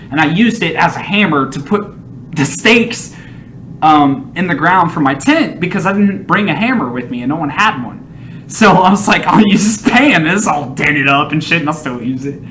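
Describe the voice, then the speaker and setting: A man with a fairly high, bright, forceful voice gives casual reaction commentary. He rambles and swears freely, full of opinions. There is faint noise behind him. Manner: often breaks into laughter. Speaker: reaction video host.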